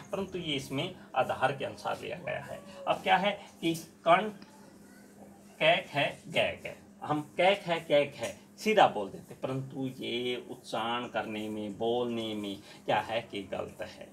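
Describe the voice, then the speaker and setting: A man teaching Hindi grammar in a lesson, repeating a filler phrase often and loudly demonstrating sounds. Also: medium pitch, a little hiss or hum. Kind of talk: classroom-style lesson.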